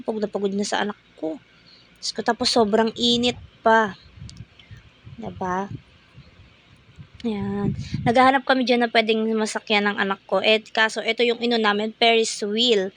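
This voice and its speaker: Chatty young Filipina mom vlogging. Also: female voice, a little high, a bit bright. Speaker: vlogger, mother. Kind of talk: casual vlog narration.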